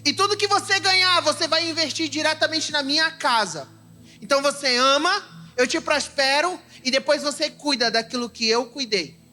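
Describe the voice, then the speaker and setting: A fervent young Brazilian evangelist preaches an emotional sermon with personal testimony at a church service, his bright male voice extremely high-pitched with a Brazilian Portuguese accent. At a moderate pace he shifts between loud exclaiming and soft confiding, calling his listeners "irmão."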